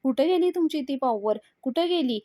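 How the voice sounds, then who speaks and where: A woman's voice: high voice, brisk, no echo, clean studio sound, voice pushed up, close to an everyday voice. Fields: Figure: woman doing a hot-headed young man, taunting. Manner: taunting, shouting.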